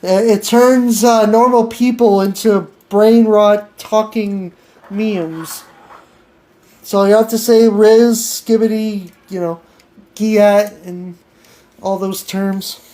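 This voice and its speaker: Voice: mid-range voice, steady tone, slow pace, mellow. A podcast host chatting casually with an AI, giggling and stammering through restarts. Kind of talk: casual improvised chat with an AI.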